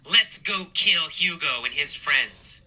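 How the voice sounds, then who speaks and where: A hysterical warmonger, as a male teacher puts him on, calling his friends to arms. The voice sits high and sharp and turns urgent before it sinks to a hush. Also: animated, slow pace, full character voice, rough recording. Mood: rallying.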